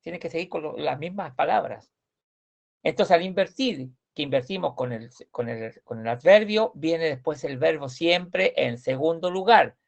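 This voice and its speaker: A man's voice: high voice, creaky, highs cut off. A man teaching a language grammar class, explaining patiently and often asking students if they follow. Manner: patient, repeats words, asks checking questions. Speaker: Swedish teacher.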